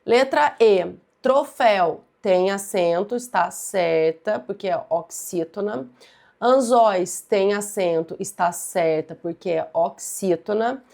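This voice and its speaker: A Brazilian woman with a Brazilian Portuguese accent teaches an exam-prep grammar lesson, stressing and repeating key words as she explains each answer. She speaks slowly in a medium-pitched, darkish voice with vocal fry.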